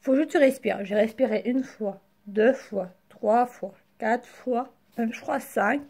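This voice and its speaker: A young woman tells a personal story in a casual vlog style. Her voice sits a little high yet stays soft-edged and mellow. She is halting and slangy, speaking with a sore mouth after having her wisdom teeth out. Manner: halting, slangy, searching for words. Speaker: vlogger.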